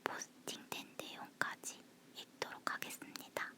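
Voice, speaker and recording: A woman talks unhurriedly in a soft whisper, breathy and unvoiced. She leans toward the phone for close recording, chatting casually in ASMR fashion.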